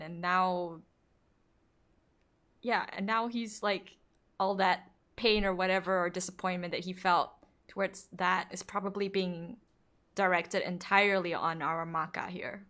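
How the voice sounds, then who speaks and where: A woman's voice: medium pitch, moderate pace, a bit bright. A woman guest co-streamer chatting casually, teasing her friend and laughing often. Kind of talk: casual live-stream chat.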